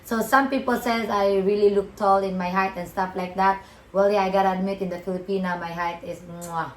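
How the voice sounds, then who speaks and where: In her twenties and from the Philippines, this woman is a vlogger's partner chatting casually and giggly to the camera, her phrasing loose and non-native. Her mid-range voice is steady and a little fast. The audio is poor and reverberant, with slight background noise.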